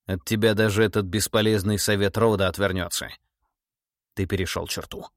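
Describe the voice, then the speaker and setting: A man voicing a stern, cold middle-aged tsar in an audiobook, speaking in a measured, menacing, authoritative way. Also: on the low side, steady tone, no room sound, studio quality, natural voice. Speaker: monarch interrogating a relative. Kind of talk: audiobook character voice.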